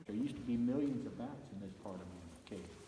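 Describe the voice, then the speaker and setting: A male tour guide tells the story of the place in an easygoing way, filling his pauses with "uh"s. His mellow voice comes from a few steps away from the mic. It rings with a roomy echo inside a large underground cave, and a faint hum sits underneath. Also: fairly low pitch, distant mic. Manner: relaxed storytelling with filler "uh"s. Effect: echoing cave acoustics.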